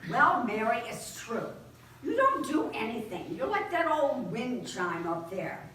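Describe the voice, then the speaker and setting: A woman's voice: on the high side, sing-song, a little slow, fairly bright tone, a little hiss or hum. A woman playing a prim, needling, gossipy old friend in a community theater play. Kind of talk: community stage play acting. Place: theater stage in a hall. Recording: echoey hall, miked from far off.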